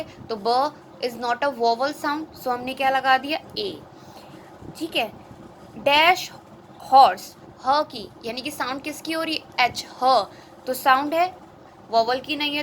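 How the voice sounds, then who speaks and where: A woman with a high voice teaches a grammar lesson to young students. She keeps posing questions and answering them herself. A faint noise sits under the recording. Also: fairly bright tone.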